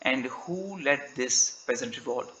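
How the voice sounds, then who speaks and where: A man's voice: mid-range voice, expressive, a little slow, pushed and bright, slight background noise. A man with an Indian English accent teaching an exam-prep literature lecture, often asking questions and answering them himself and ending lines with "right?". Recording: echoey room.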